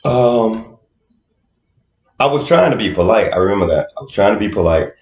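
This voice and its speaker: Laid-back male co-host, very low voice, roomy lo-fi sound, halting with fillers. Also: lively intonation, a little mellow. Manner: laid-back, hesitant with many fillers, laughs often. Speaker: podcast co-host. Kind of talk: casual chat.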